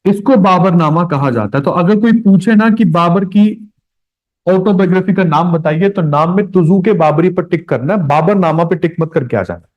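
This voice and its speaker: A history teacher with a high-pitched voice gives a classroom lecture at normal speed. He speaks conversationally, addresses students directly, and repeats key points, all captured on a dull, lo-fi recording.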